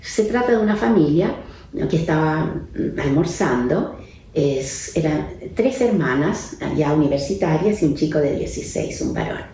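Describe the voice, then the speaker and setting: A woman speaking as a neuropsychiatrist guest, her voice low and warm. She explains patiently and often checks in with a quick "right?". The sound is very roomy, with a faint hiss of background noise. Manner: frequent tag questions, calm explaining. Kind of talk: explanatory talk with anecdotes.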